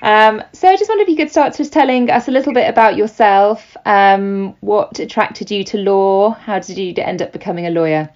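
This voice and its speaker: A woman hosting an interview podcast over a video call, speaking in a measured way with frequent "um"s. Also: medium pitch, darkish tone, dull audio. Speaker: podcast host.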